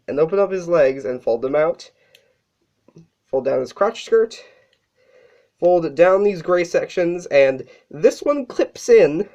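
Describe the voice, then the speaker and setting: In a dull lo-fi recording, a toy reviewer with a medium-pitched, somewhat dark voice casually walks through a hands-on review. Their illness shows in slight breathlessness, and they lean on fillers and self-corrections.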